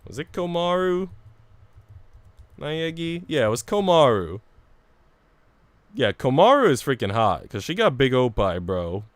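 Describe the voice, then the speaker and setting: Reading visual novel dialogue aloud between casual, slang-filled remarks to his viewers, a male game streamer speaks with a sing-song, medium-pitched voice. His pace is measured, with long pauses, and the recording has no room sound.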